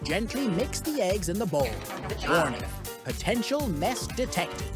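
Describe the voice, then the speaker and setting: A woman's voice: mid-range voice, big pitch swings, measured pace, music in the background. A woman voicing a cheerful female robot kitchen helper, giving beeping, computer-style cooking steps in a robot voice for a kids' show. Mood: cheerful robotic. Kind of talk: scripted children's show.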